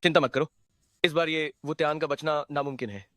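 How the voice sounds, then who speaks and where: A man dubbing a sly henchman who lays out a plot in a smooth, conspiratorial way. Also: a little high, steady tone, fairly quick, bright, forceful tone, no room sound. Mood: scheming. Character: scheming henchman, sly and placating.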